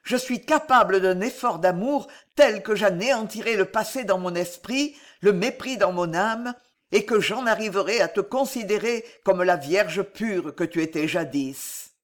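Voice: medium pitch, animated, unhurried, close to an everyday voice. A reader voicing a passionate, pleading male monk in a dramatic audiobook, impassioned and insistent. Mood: ardent.

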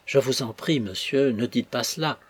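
A man's voice: medium pitch, moderate pace, slightly rough, close to an everyday voice. A timid pleading servant boy, as a man reads him. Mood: pleading, submissive. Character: timid servile young male knife-grinder, fearful and pleading.

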